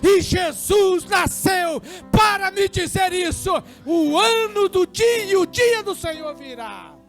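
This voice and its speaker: Fervent Brazilian pastor, high-pitched. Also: male voice, expressive, slow, creaky, soft background music. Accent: Brazilian Portuguese. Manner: passionate preaching, swinging between quiet talk and shouting. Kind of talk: sermon. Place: church service.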